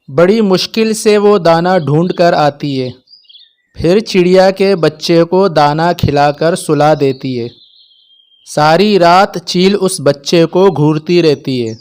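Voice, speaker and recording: A man narrating a children's cartoon story in a calm, steady storytelling manner. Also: a little high, clear, resonant tone.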